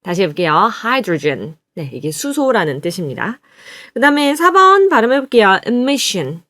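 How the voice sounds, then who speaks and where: A woman teaching an online English lesson. She says each word slowly and has students repeat it. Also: a little high, sing-song, pushed and bright, dry recording. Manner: drills words slowly, repeats them for students to copy.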